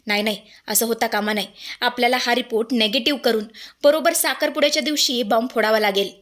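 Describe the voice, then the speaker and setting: A woman's voice: on the high side, quick pace, fairly bright tone, lightly acted. A woman voicing a scheming middle-aged woman with a sly, urgent manner, in a storybook-style serial recap.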